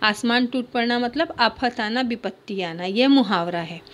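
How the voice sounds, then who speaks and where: Teacher reading a class play aloud. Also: female voice, a little high, normal speed, fairly bright tone. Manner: explains idioms and punctuation between read lines; lifts her voice for the characters' lines. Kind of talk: reading a Hindi play aloud and explaining it to pupils.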